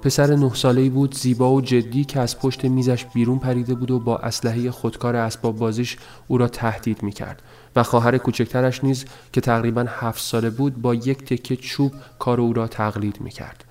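This is a man narrating an audiobook of a novel at medium pitch, his reading steady, even, and measured in the manner of a storyteller.

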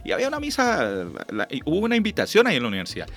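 A middle-aged Colombian man, a lyric singer, telling stories in a chatty, animated way during an interview, acting out the dialogue he recalls. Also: high-pitched, racing, soft background music. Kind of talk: relaxed storytelling.

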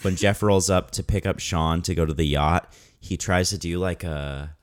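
A man co-hosting a podcast, chatting casually and joking with quick asides and frequent laughs. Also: sits low, steady tone. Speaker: podcast co-host. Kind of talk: casual chat recap.

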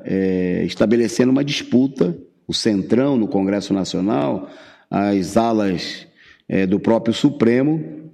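A man giving a political radio commentary, halting, with many fillers and restarts. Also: medium pitch, creaky, mellow, big-room sound.

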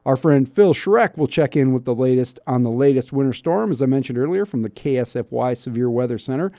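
A man's voice: mid-range voice, expressive, fairly quick, dark tone, no room sound, studio quality. A man hosting a radio show in casual banter, wry and mock-grumbling, often asking rhetorical questions. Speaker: radio talk show host.

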